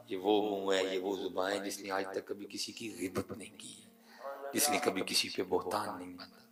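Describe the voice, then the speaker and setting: A man preaching an emotional sermon, telling a story and repeating phrases for emphasis, swinging from hushed to loud. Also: low-pitched. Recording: echoey room, voice from far off.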